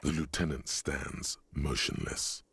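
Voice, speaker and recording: A man voicing a brooding inner-voice narrator in a video game, speaking slowly and somberly. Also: extremely low pitch, flat delivery, sharp tone, no room sound, exaggerated voice. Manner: slow, somber, gravelly. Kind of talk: scripted narration.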